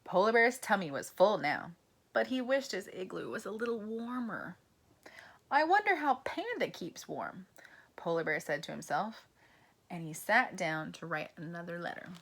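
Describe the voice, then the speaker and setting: A woman reading a picture book aloud to young children in an animated, exclamatory way, often pausing to ask the little listeners questions. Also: on the low side. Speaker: children's storyteller.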